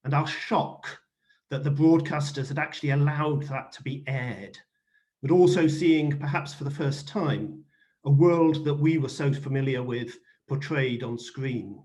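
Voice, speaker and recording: A middle-aged or older man hosting an event with a formal, courteous and deliberate introduction. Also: medium pitch, a little mellow. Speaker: host, moderator.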